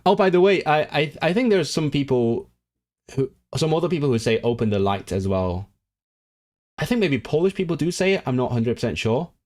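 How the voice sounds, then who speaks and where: A man's voice: a little high, big pitch swings, brisk, a little mellow. A man whose first language is not English, musing casually on a livestream and answering viewer comments. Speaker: language-learning streamer.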